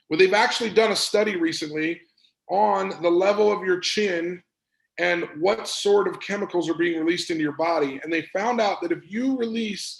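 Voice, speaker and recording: A man coaching an audience on performance in an energetic, emphatic presentation, repeating words for stress. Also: a little high, gravelly, roomy sound, low-quality recording. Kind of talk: motivational presentation.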